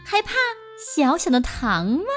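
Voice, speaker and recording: A woman's voice: high-pitched, very animated, measured pace, soft background music. A woman voicing a sly, smiling fox who sweet-talks the tiger, in a children's storybook reading. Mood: coaxing. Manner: smiling, coaxing. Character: sly sweet-talking fox posing as doctor.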